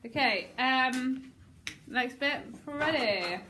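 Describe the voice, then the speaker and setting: A woman drama teacher directing a rehearsal in a classroom, brisk and encouraging as she suggests actions. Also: high-pitched, animated, heavy background noise.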